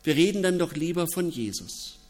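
A man preaching a reflective, personal sermon as pastor, with thoughtful pauses. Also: a little high, lively intonation, darkish tone. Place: church. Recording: long reverb of a church.

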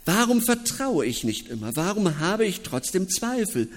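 A man preaching a reflective, personal sermon as pastor, with thoughtful pauses. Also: high-pitched, very animated. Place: church. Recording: long reverb of a church.

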